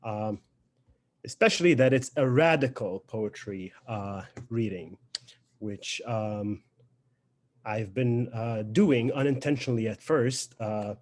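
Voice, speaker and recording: A man's voice: medium pitch, takes it slowly, darkish tone. A young man with a Lebanese accent and Arabic as his first language, a poet speaking informally and reflectively to introduce a reading, with frequent hesitations. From Beirut, Lebanon.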